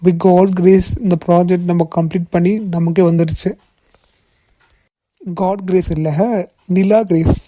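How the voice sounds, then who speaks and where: A woman voicing a kind young male boss in a cartoon, gently coaxing and reassuring. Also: fairly low pitch, little pitch movement, slow pace, pauses often, no echo, clean studio sound. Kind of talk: cartoon voice acting.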